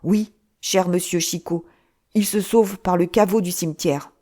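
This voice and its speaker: A woman reading an audiobook, voicing a fat, cowardly male monk who wails and pleads loudly. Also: lowish voice, fairly even intonation, natural voice. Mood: pleading. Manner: lamenting, pleading, drawn-out wails.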